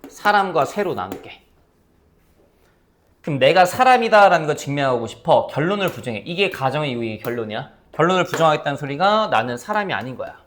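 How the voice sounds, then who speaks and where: A man's voice: on the high side, fairly quick, a little hiss or hum. A man teaching math to a class, explaining with playful stories and acting out his students' voices. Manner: lively, playful storytelling with acted-out student voices. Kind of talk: classroom lecture.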